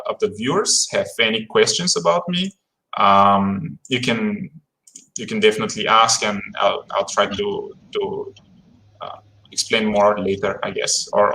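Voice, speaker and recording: A man's voice: lowish voice, fairly even intonation, measured pace, bright, forceful tone, poor audio. A man in his thirties from Bulgaria, a guest on a casual livestream talk, speaking politely with many fillers and restarts over a video call.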